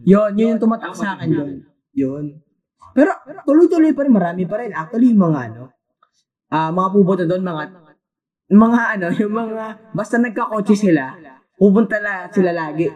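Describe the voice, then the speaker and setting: A young man from the Philippines in casual chat, animated and chatty, often trailing off mid-thought. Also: sits high, moderate pace. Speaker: podcast co-host. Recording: dull lo-fi echoey sound.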